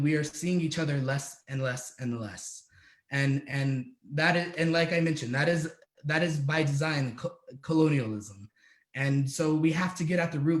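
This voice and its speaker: A man's voice: fairly high pitch, echoey room. A man from the United States, an activist organizer speaking earnestly on a panel, with many restarts and fillers. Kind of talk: casual panel talk.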